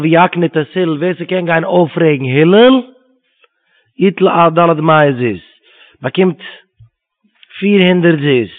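A man giving a Talmud lesson, reading Hebrew quotes and explaining them in Yiddish. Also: on the high side. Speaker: Talmud teacher. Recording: tinny phone-line sound.

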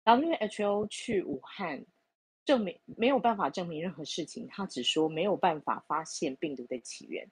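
A woman co-hosting a debate, making a measured, firm argument. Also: lowish voice, animated, husky, no echo. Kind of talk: reasoned debate.

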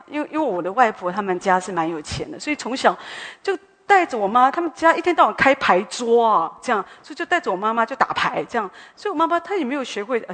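Woman preaching softly in a reverberant hall. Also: on the high side. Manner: gentle, conversational, with frequent soft "ha" tags. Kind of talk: sermon at a morning prayer meeting. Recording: long echo as in a hall.

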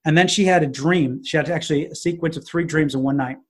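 Guy with a kinda high voice telling stories in an interview, casual, lots of um and uh, restarts sentences a lot. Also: fast, husky. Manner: animated, casual, many fillers and restarts. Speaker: business consultant guest. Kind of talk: conversational storytelling interview.

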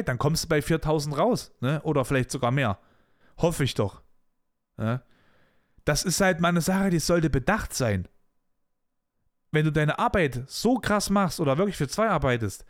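A man hosting a podcast, bluntly and animatedly telling a story from his own working life in casual, colloquial talk. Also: fairly high pitch. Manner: blunt, animated retelling of a workplace dispute with colloquial asides. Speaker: podcast host.

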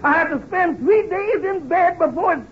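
An actor playing a bombastic, excitable scheming man in a 1950s radio comedy, declaiming and repeating himself. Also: very high-pitched, moderate pace. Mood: comically dramatic. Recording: muffled, noisy old radio recording.

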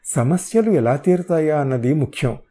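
A man reading the lines of a calm, practical young woman in a novel audiobook, in his own mellow voice. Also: a little high, moderate pace, voice pushed up.

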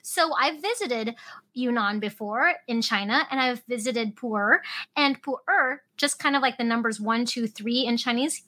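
A woman's voice: fairly high pitch, a little slow, low-quality recording. A woman from Hong Kong, raised in Alaska, hosting a podcast and talking casually with enthusiasm. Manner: enthusiastic, storytelling, lively emphasis. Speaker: podcast host. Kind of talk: casual solo podcast talk.

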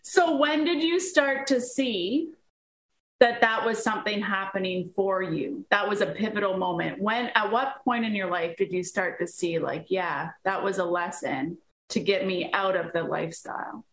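A woman's voice: medium pitch, normal speed, a bit bright, roomy sound, rough recording. A woman hosting an interview, responding with short affirmations and asking reflective questions. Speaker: host.

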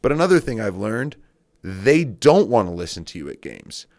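A man's voice: lowish voice, big pitch swings, moderate pace, a little mellow. A man coaching youth sports, giving an earnest, emphatic solo podcast rant with words repeated for stress.

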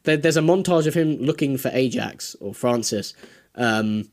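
A British-accented man with a medium-pitched voice talks casually as a podcast panelist. He is hesitant and politely hedges what he says. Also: normal speed. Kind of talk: casual film discussion.

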